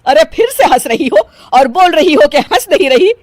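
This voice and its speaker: A woman voicing a stern middle-aged mother-in-law in a cartoon, speaking loudly in a scolding tone. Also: high-pitched, sing-song, normal speed, no room sound, pitched above the performer's own voice. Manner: loud and scolding.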